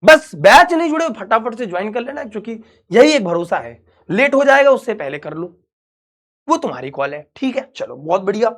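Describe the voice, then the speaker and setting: A young man teaches an online physics class in a chatty, reassuring way, calling his students his dear children. He speaks at a moderate pace in a high, slightly bright voice with big pitch swings.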